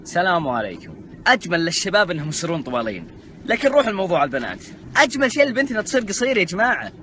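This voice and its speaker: A young man with a Saudi accent doing animated comic monologues to camera. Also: high voice, slight background noise. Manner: animated, rapid jokey delivery. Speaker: comedy sketch host.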